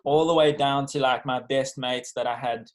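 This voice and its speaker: A man's voice: mid-range voice, steady tone, normal speed. A man with a South African accent telling his story in a casual interview, speaking as a professional athlete in an earnest, informal, reflective way. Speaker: professional bodyboarder being interviewed.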